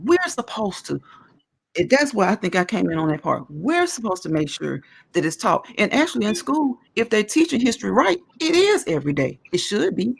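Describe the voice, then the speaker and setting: A woman's voice: mid-range voice, big pitch swings, fairly quick, gravelly, husky. A woman in her forties talking at length in a casual discussion, earnest and emphatic as she explains her views. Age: 40s.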